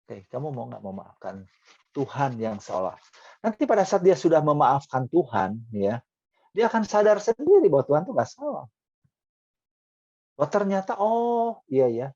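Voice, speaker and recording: A middle-aged man preaching a conversational sermon with animated pitch jumps for emphasis, often dropping in English phrases. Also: husky, dry recording, highs cut off.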